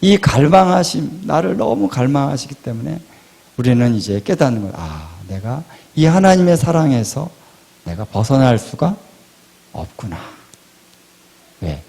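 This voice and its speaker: Gravelly-voiced male pastor preaching. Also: mid-range voice, big pitch swings, unhurried. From Korea. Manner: rhetorical questions, swings from loud to hushed. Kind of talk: sermon.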